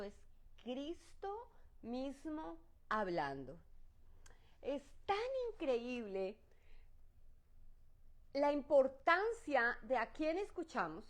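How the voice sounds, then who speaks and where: A woman with a soft, high voice teaching a church Bible study. She is lively and expressive, with her pitch swooping up and down. She often slips in exclamations in English.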